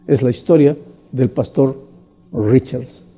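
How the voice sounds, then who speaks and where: A man's voice: medium pitch, takes it slowly, mellow, slightly rough, soft background music. A man preaching a sermon in an earnest, explanatory way, speaking directly to the listener.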